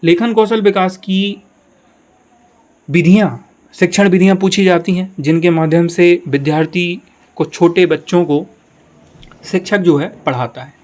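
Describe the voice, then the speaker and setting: A man's voice: high voice, measured pace, pauses often, a little mellow. A man teaching an online exam-prep lesson, explaining step by step and often speaking straight to his viewers.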